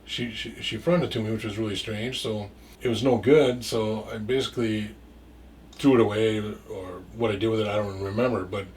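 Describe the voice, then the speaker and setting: A man's voice: on the low side, steady tone, normal speed, darkish tone, distant mic. A man telling a story from his past in a casual, rambling way, stumbling over and repeating words and swearing freely.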